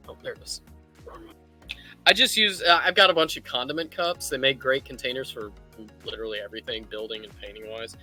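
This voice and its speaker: A medium-pitched man speaks fairly quickly with a bright, forceful tone. He's a stream host running a live painting tutorial, explaining in an informal, easygoing, chatty manner over background music.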